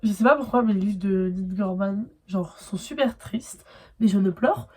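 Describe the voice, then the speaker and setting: A young woman chatting casually through a book review vlog, animated, with lots of filler words and bursts of excitement. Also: mid-range voice, moderate pace, breathy edge. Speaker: booktuber reviewing her reads.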